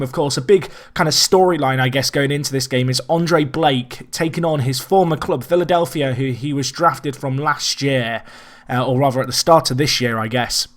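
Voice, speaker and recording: Commentating his own football management game, a young let's play host chats casually in a mid-range voice that's slightly raspy and hoarse. He rambles and restarts, and big chances get him excited.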